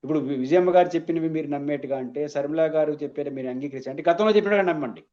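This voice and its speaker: A man's voice: fairly high pitch, very fast, warm tone, lo-fi sound. A man, a political analyst, giving emphatic and argumentative commentary as a guest in an interview.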